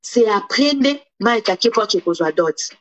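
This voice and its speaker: A woman's voice: medium pitch, lively intonation, measured pace, fairly bright tone. A woman YouTuber, giving indignant commentary to camera and switching between Lingala and French. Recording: dull lo-fi recording.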